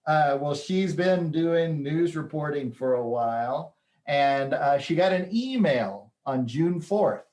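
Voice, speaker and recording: A man hosting a casual chat, telling news stories in a relaxed, chatty way with plenty of fillers. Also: on the high side, slow pace, echoey room. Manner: chatty storyteller with frequent fillers. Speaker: host.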